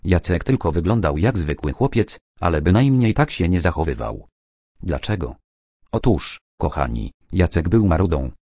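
Deep-voiced man reading children's stories. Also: animated, moderate pace, dark tone, dry recording, clean studio sound. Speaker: narrator.

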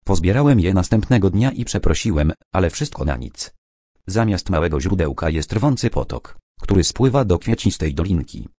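Guy reading a sorry worried beaver from a storybook, deep dark voice, dry sound. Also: sing-song, moderate pace, husky, no echo, full character voice. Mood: rueful. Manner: earnest, rueful storytelling.

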